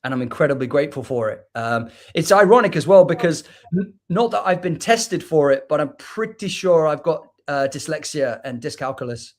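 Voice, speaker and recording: Reflective Liverpool man, fairly high voice. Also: lively intonation, normal speed. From England. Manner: reflective, repeats words and restarts often. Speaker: guest poet. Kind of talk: casual interview chat. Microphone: video call.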